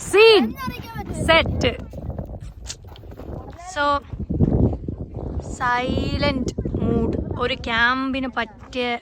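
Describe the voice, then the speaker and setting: A woman's voice: high-pitched, drawn-out words, pauses often. A woman with a Malayali accent chatting casually for a camping vlog, mixing English words and phrases into Malayalam. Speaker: vlogger. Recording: very noisy outdoor and vehicle noise.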